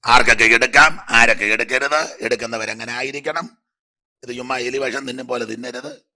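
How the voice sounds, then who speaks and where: Man, pastor, sermon, gravelly, sharp tone, congested throat, loud emphatic bursts. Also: medium pitch, steady tone, brisk. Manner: rises to loud emphatic preaching, drops to quiet asides.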